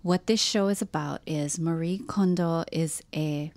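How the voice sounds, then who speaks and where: A woman's voice: sits low, unhurried, darkish tone, dry recording. A woman co-hosting a podcast, chatting casually, laughing often and trailing off mid-sentence. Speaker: podcast co-host. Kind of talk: casual chat.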